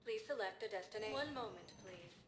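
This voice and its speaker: A woman voicing a calm, polite transit computer that gives automated announcements in a measured, impersonal way. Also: medium pitch, crowd noise. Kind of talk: game audio from gameplay. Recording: echoey game audio with music underneath.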